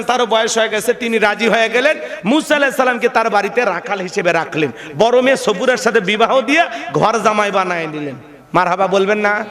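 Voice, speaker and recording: A high-voiced male preacher delivers a dramatic sermon, slipping into the voices of the people in his stories. He keeps turning to the crowd for responses. The sound rings with echo and a long trailing reverb. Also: fairly bright tone. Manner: dramatic, acts out characters in his storytelling; addresses the crowd directly and asks for responses. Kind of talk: Bengali waz sermon storytelling. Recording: echoey venue with long reverb.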